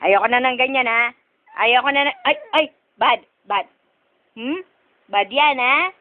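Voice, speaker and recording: Woman, pet owner; repetitive, mock-stern baby talk to a cat; high voice; lo-fi home video audio. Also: measured pace.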